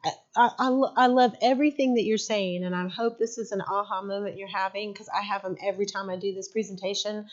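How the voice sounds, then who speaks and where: A woman's voice: mid-range voice, fast. A woman giving a mental health training, telling stories and acting out what people said. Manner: animated storyteller who acts out quotes. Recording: muffled lo-fi recording.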